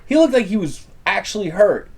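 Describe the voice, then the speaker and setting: A man's voice: sits high, a little fast, slightly rough. A young man hosting a casual podcast chat, ranting animatedly and swearing freely. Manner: swears a lot, animated rants. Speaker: podcast host.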